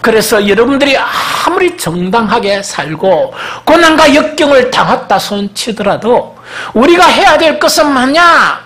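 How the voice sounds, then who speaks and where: A man preaching in a Gyeongsang accent, his pitch swinging widely from phrase to phrase. He keeps throwing questions out to his listeners and then answering them himself. It is the delivery of a pastor in full sermon mode. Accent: Gyeongsang Korean. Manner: animated preaching with frequent rhetorical questions to the congregation.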